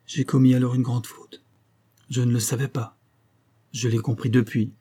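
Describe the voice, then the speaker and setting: A man reading an audiobook and voicing a remorseful young wife, who speaks softly, humbly and imploringly. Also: mid-range voice, little pitch movement, normal speed, husky, natural voice. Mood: pleading. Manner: soft, imploring and contrite.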